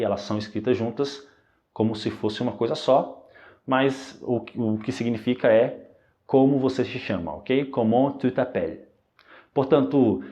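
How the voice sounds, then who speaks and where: A man's voice: medium pitch, warm tone. A man with a Brazilian Portuguese accent giving an online French lesson, patiently repeating each word and checking in with "ok?". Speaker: French teacher. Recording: dull, lo-fi recording.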